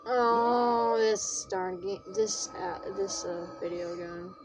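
A woman's voice: mid-range voice, slow pace, music in the background, low-quality recording. A young woman chatting casually as she reacts to videos, rambling and repeating herself as she retells what happened. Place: small bedroom. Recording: faint room noise.

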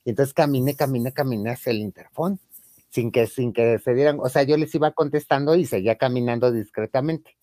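A man's voice: brisk, dark tone, no echo, clean studio sound. Campy Mexican man telling a comic story. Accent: Mexican Spanish. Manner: campy, theatrical, jumps to higher pitch to act out quoted women; laughs often mid-story. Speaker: storyteller on a chat show.

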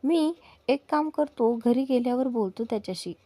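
A woman's voice: fairly high pitch, animated, normal speed, mellow, no echo, voice pushed up. A woman voicing a short-tempered young man who snaps back bluntly in a spoken storybook. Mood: irritated. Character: young man, irritable, quick to anger.

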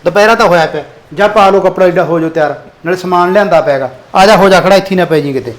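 A man's voice: high-pitched, fast, natural voice. A man playing an impatient village farmer father with a Punjabi accent, scolding his son. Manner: scolding, nagging. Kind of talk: village drama acting.

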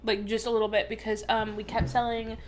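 A woman's voice: a little high, level tone, brisk. A woman co-hosting a let's play in casual gameplay commentary, chatty and rambling, with game music behind.

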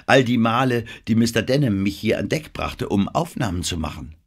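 A man's voice: fairly low pitch, expressive, normal speed, creaky, slightly rough, voice pushed up, heavily acted. A man voicing a cheerful, playful young woman in an audiobook. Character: cheerful young actress on a ship.

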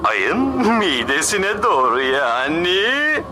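A man voicing a big, naive, bombastic superhero in a cartoon dub, theatrical and childishly excitable. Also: on the high side, takes it slowly. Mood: childlike excitement. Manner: theatrical, grandiose. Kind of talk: animated series dub.

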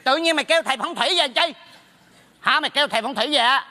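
A man's voice: very high-pitched, pushed and bright, full character voice. A man playing a meddling neighbor in a stage comedy sketch, brash and teasing. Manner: brash, teasing, rapid scolding. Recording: stage hall with long reverb.

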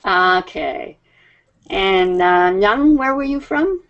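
A woman in her fifties with a medium-pitched, expressive voice teaches an online English class over a webcam video call from a room at home. She speaks slowly, patient and friendly with her students, and laughs often. The audio has its highs cut off.

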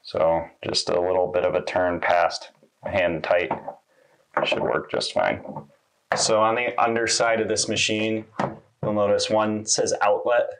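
Man, 30s, lower voice, easygoing how-to demo in a small laundry room. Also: a little slow, vocal fry. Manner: relaxed, conversational, with fillers. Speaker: installation demonstrator. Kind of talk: casual how-to walkthrough.

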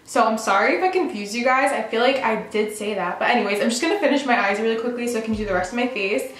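A woman's voice: a little high, fast, a bit bright, echoey room, low-quality recording. A young woman from New York chatting casually while doing her makeup at home, filling her talk with "like". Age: young adult. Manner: chatty, lots of "like" fillers. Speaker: beauty vlogger. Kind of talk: get-ready-with-me chat. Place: bathroom at home.

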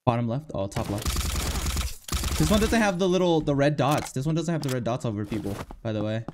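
A male streamer calls out his game live in loose gamer slang. His pitch rises and falls a lot, and he sounds easily excited. Clear game noise runs under his voice. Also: fairly quick. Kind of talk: live gameplay commentary.

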